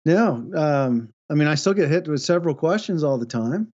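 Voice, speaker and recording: A man's voice: fairly high pitch, expressive, moderate pace, darkish tone. A man co-hosting a podcast in casual, easygoing, joking chat. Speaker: podcast co-host. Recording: slightly dull, lo-fi audio.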